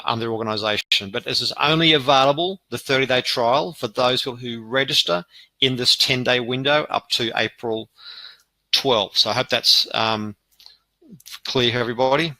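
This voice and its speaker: Bright, forceful male webinar presenter. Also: medium pitch, normal speed, no echo, low-quality recording. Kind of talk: informal sales webinar presentation. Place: live online webinar.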